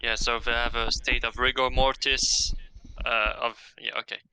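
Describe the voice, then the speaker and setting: A man's voice: medium pitch, little pitch movement, moderate pace, pushed and bright, clear, resonant tone, low-quality recording. A man playing a tabletop game, carefully checking details with questions. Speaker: player. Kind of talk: casual tabletop game chat.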